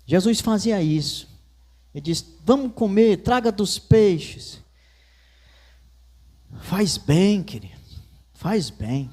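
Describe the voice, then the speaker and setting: A man's voice: high-pitched, expressive, slow, pauses often, mellow. A man with a Northeastern Brazilian accent, a pastor preaching a sermon in church with folksy asides and storytelling.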